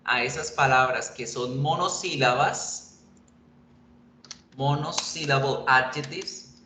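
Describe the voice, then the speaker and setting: Slow, patient male English teacher. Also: mid-range voice, bright, forceful tone. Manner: patient, explains slowly and repeats examples. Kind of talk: bilingual online class lecture. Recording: echoey room with faint noise.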